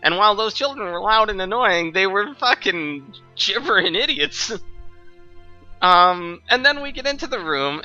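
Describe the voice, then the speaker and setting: Ranting young man with a bright, lively voice. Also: high voice, muffled recording. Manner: ranting, sarcastic, laughs often. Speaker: let's play commentator. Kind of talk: profane gaming commentary.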